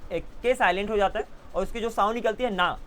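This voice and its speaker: A male English teacher giving a classroom lesson to live students, teasing them playfully and repeating words slowly as drills. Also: sits high, fairly bright tone, a little hiss or hum.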